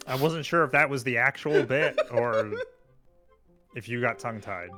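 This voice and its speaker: A man's voice: mid-range voice, moderate pace. A man chatting alongside a game stream, offering brief, dry tips to the player. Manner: dry, brief helpful remarks. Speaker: co-host guiding the player. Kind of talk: casual gameplay chat. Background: game music.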